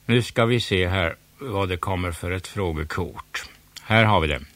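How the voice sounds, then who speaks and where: A man voicing a pompous, bossy male cat running a quiz, loud and showy, snapping when crossed. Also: low-pitched, dry recording.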